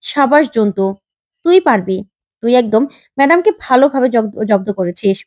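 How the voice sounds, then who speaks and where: A woman's voice: fairly high pitch, lively intonation, moderate pace, a little mellow, dry recording, studio quality, natural voice. A woman voicing an eager young man in a retold story, in an anxious, impatient manner.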